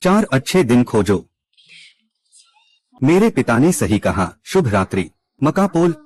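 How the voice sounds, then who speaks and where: A male narrator runs through a short drama, delivering every character's lines in one scripted read. His pitch is mid-range and swings widely from line to line. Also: sing-song, takes it slowly, a little mellow. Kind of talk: scripted recap narration voicing all characters.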